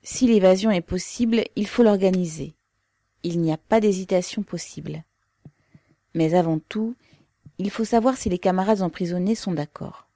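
A woman voicing a calm, serious man comrade who speaks gravely and in a businesslike way. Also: fairly low pitch, normal speed, no echo, close to an everyday voice.

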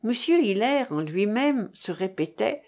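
A woman narrating a novel aloud in an expressive reading style. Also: mid-range voice, a little slow.

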